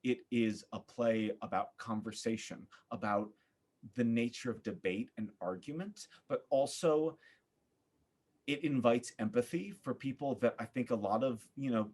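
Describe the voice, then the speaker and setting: Conversational and reflective, a man discusses theater as a guest on a podcast, stumbling over repeated words as he searches for how to put things. He has a mid-range voice with a darkish, slightly rough tone.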